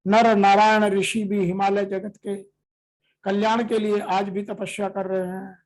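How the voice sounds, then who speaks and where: A scripture teacher, reading verses slowly and then explaining them in a steady, measured commentary. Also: medium pitch, poor audio.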